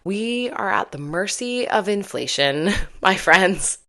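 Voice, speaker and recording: A woman's voice: medium pitch, animated, takes it slowly, bright, forceful tone. A middle-aged woman hosting a podcast, telling personal stories in a candid, self-deprecating way and laughing often. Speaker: podcast host.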